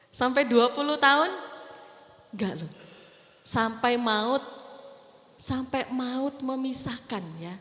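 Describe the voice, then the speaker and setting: A middle-aged woman preaching a sermon in a chatty, lively way, acting out quoted voices and laughing often. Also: a little high. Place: church hall. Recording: echoey church hall with long reverb.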